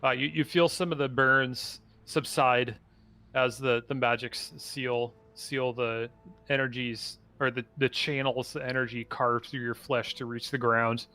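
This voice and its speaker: A man's voice: medium pitch, fairly even intonation, a little slow, sharp tone. A man narrating a tabletop game as dungeon master, stumbling through restarts and fillers.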